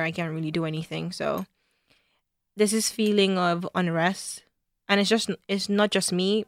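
Young woman from Nigeria, student guest, lowish voice, dry close sound, chatty and giggly. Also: dry recording. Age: young adult. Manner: chatty, giggly, many likes. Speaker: interview guest, journalism student. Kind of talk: casual interview answers.

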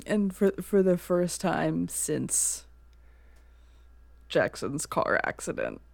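A woman with a low, gravelly voice narrates her character's actions at a very slow pace. Her pitch moves a lot as she searches for words, and the sound is dry. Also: very animated, dry recording. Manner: slow, halting, with restarts. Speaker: player. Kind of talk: narrating a tabletop game.

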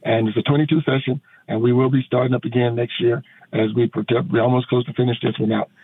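A man's voice: medium pitch, little pitch movement, fast talker, slightly rough. A middle-aged man, a pastor and veteran, talking earnestly on a phone-in radio interview with many fillers and restarts. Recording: tinny phone line.

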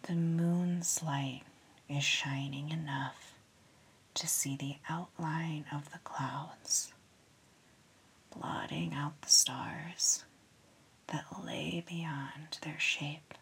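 A woman whispering a slow, soothing sleep story, counting sheep in a soft unvoiced whisper. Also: low voice, steady tone, breathy edge.

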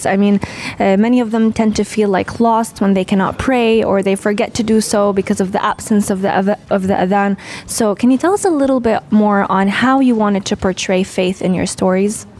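A woman interviewer with a medium-pitched voice puts prepared questions to an author. She reads them steadily, adding a small filler here and there. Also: steady tone, fairly quick, darkish tone, a little hiss or hum.

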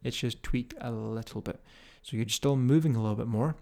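Speaking fairly quickly, this Scottish fitness coach chats informally with listeners on his podcast, keeping the tone casual and motivational. His medium-pitched voice carries vocal fry and a slightly mellow quality, and his accent is strong.

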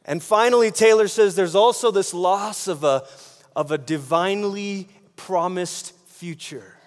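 Pitched high and delivered a little slowly, this Malaysian man's sermon has a conversational feel. He poses rhetorical questions and repeats phrases to drive points home, all under long hall reverb.

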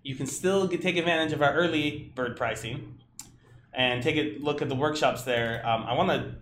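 A man's voice: on the high side, moderate pace, a bit bright. A man co-hosting a podcast, chatting casually through news and announcements. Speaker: podcast co-host. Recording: roomy echo, clear background noise.

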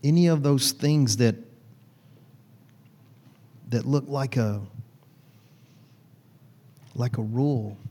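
A man's voice: mid-range voice, slow pace, long pauses, mellow. A man preaching a conversational sermon in church, chatting with and teasing his congregation. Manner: folksy, teasing the congregation by name. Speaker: pastor.

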